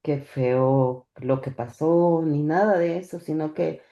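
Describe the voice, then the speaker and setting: Her voice low and warm, a woman gives her personal testimony of faith in church, where the room echoes around her. The words come haltingly, with stops and repetitions as she goes.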